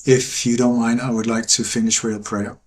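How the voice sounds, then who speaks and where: A man's voice: mid-range voice, flat delivery, fairly quick, a little hiss or hum. A man speaking as a guest in a podcast interview, earnest and emphatic, sliding into a preaching cadence. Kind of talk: conversational interview.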